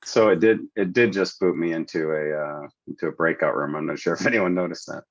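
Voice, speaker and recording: Man, very deep gravelly voice, a little dull and muffled, relaxed casual chat. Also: fast talker. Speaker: participant in an online meeting.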